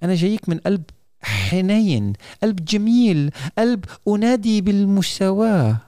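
Higher-voiced Levantine man, close and dry. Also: very animated, moderate pace, warm tone, dry recording. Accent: Levantine Arabic. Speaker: interviewer. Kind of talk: casual probing conversation.

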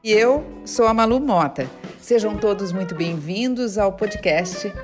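A woman's voice: medium pitch, lively intonation, a little slow, music in the background. A woman co-hosting a podcast, friendly, moving between reading a scripted introduction and chatting with the guest. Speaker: podcast co-host. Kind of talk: podcast interview.

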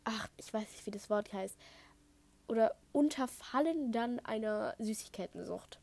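A thirteen-year-old girl from Saxony hosts her own chatty podcast, answering listener questions one after another. Her voice sits fairly high, and she rambles, trails off and fills gaps with hesitations. She records at home on a simple headset mic. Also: measured pace, vocal fry, darkish tone. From Saxony, Germany. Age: teenager, thirteen and a half. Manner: chatty, rambling, wanders off topic with many fillers. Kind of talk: casual chat podcast. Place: at home, construction noise outside. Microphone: Apple headset.

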